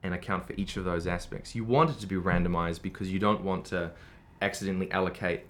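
A man's voice: low-pitched, fairly even intonation, fast, a bit bright. A man speaking as a guest in a casual podcast conversation about medical research, thoughtful and full of "you know" fillers.

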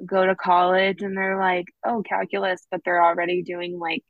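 A woman's voice: lowish voice, monotone, normal speed, no echo, narrow, tinny audio. Blunt sarcastic woman, dry mic. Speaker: podcast co-host. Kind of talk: casual chat.

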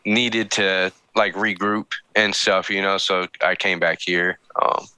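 A man's voice: low-pitched, fairly even intonation, slow pace, bright, forceful tone, clean tone, no echo, rough recording. A man from North Carolina, a guest in a casual interview, who rambles with lots of fillers and laughs often.

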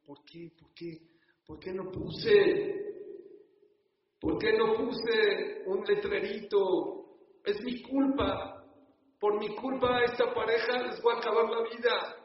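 A woman's voice: on the high side, steady tone, slow pace, pitched above the performer's own voice. A man voicing a distraught shopkeeper woman. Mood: anguished. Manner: anguished, pleading, self-blaming. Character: distraught remorseful woman shopkeeper, middle-aged. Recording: echoey hall, dull sound.

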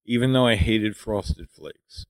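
A man's voice: fairly low pitch, a little slow, no echo. Rambling man, dry close sound. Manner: rambling, filler-heavy, critical. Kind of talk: casual movie review chat.

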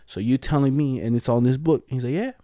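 A man's voice: medium pitch, quick pace, no echo. A young man chatting casually, telling stories in heavy slang and acting out what people said. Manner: animated retelling with acted-out quotes, heavy slang. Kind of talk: casual slangy banter and storytelling.

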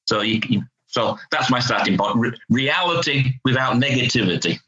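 A man's voice: mid-range voice, normal speed, bright, forceful tone. A middle-aged man with a northern English accent from Hull, talking in a plain-spoken, down-to-earth way as an expert guest. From Hull, England. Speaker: interview guest, psychologist. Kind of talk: conversational expert discussion. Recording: dull lo-fi audio.

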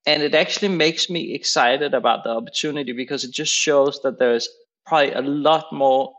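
A man's voice: mid-range voice, a little fast, a bit bright. A man from Denmark, an investor on a panel call, casual and ending points with "right?". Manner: casual, tags remarks with "right?".

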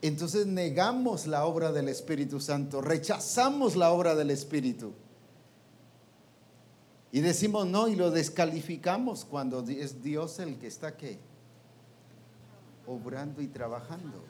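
A man's voice: a little high, lively intonation, unhurried, long pauses, a little mellow, slight background noise. Man preaching, quizzing his listeners. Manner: colloquial, trailing "pues" and "¿va?". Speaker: preacher teaching a ministers' meeting. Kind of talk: interactive sermon.

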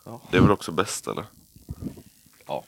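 A young man hosting a casual podcast chat, a lively storyteller who swears freely and laughs often. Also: sits low, vocal fry, no echo. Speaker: podcast host.

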